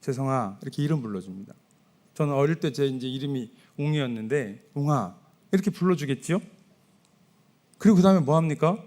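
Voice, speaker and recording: A male pastor giving a Sunday sermon in a church, talking to the congregation in a conversational way and softly acting out sample prayers. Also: a little high, animated, quick pace. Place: church sanctuary.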